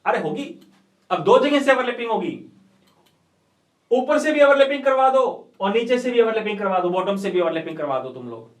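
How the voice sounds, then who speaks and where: This chemistry teacher's voice is high and expressive, and he moves at a brisk clip through his online lecture. Playfully coaxing, he quizzes the class with rhetorical questions, uses homespun sayings, and addresses students as "beta ji." His distant mic picks up an echoey room.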